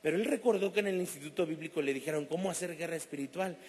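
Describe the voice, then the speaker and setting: A man's voice: on the high side, rapid-fire, darkish tone. A man preaching a sermon, telling stories with animation and acting out the voices of the people in them. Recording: long reverb of a church hall.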